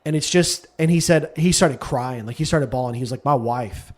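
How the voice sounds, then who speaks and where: Man, podcast co-host, casual storytelling, somewhat high pitch, animated. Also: brisk. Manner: animated storytelling, retelling a guest's account. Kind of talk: casual chat.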